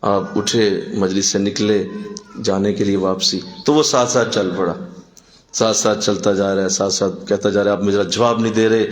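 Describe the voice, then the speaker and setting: A man giving a sermon, telling stories and driving his points home with sudden emphatic rises in voice. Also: roomy sound. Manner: animated, rising to emphatic high bursts. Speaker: religious speaker.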